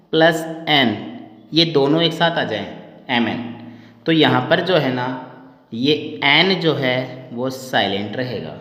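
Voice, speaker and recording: A man's voice: on the high side, fairly bright tone. A man teaching English pronunciation in a lesson, often repeating questions back to his students. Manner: repeats questions back to the class, addresses viewers as friends. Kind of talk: classroom lesson explaining pronunciation. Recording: echoey hall, dull lo-fi sound.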